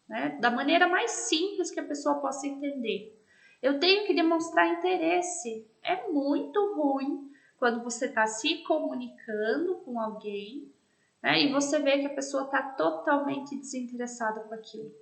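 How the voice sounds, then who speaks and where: A Brazilian woman from Paraná teaches a recorded class, explaining point by point. Her voice sits high and carries a gravelly edge. The room around her sounds echoey. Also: fairly bright tone. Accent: Brazilian Portuguese, Paraná. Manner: explanatory, frequent tag questions "né?". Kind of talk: recorded online class lecture.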